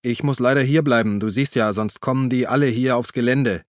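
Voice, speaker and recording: A man's voice: mid-range voice, fairly even intonation, brisk, dry recording, clean studio sound, natural voice. Man voicing a sheepish, evasive policeman. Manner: embarrassed, evasive.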